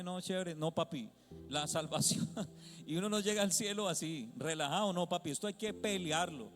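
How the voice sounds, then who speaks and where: A man preaching a sermon as pastor, in a playful, colloquial call-and-response manner, swinging from soft asides to loud shouted exhortation. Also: on the high side. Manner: call-and-response, repeatedly asking the congregation "amen?" and "hello?"; colloquial and playful, calling listeners "papi". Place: church hall. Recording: long reverb with faint music behind, in a church hall.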